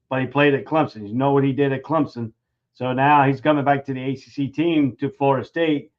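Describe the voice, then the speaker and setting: A man giving casual sports analysis as a guest, repeating and restarting his phrases. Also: medium pitch. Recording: dull lo-fi audio.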